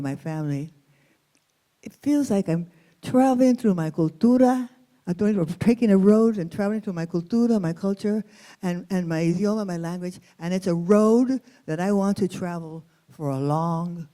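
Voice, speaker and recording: With a warm tone and fairly low pitch, an East Los Angeles woman tells a personal story in her local accent. She narrates expressively, slipping in Spanish words and then translating them.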